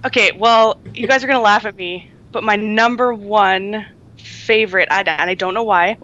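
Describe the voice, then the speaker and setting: A woman's voice: mid-range voice, normal speed, a bit bright, highs cut off. A woman guest on a podcast in casual chat, giggly and self-deprecating.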